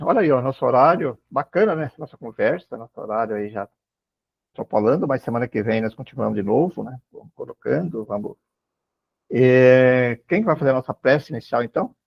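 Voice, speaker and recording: A Brazilian man leads the group in a quick, lively voice that swings up and down as he hammers home his point. His voice is a bit husky, and the recording sounds dull and lo-fi. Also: on the high side, dry recording. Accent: Brazilian Portuguese. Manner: animated, emphatic, repeating key phrases. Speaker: study group leader. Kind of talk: casual group discussion.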